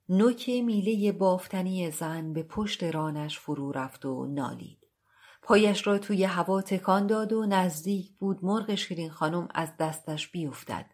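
A woman narrating a storybook in a fairly low voice. Her reading is steady and unhurried, with plain, measured delivery.

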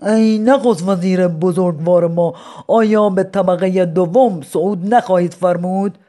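A reader voicing an old man, a retired politician, who speaks slowly in flowery formal phrases. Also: mid-range voice, fairly even intonation, warm tone, lightly acted. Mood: ceremonious. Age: older. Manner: slow, flowery, formal address.

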